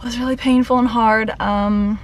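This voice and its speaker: A woman's voice: a little high, fairly even intonation, normal speed. A young woman chatting casually in a vlog, informal and emphatic. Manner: informal, frequent "like" and emphatic words. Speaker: lifestyle and running vlogger.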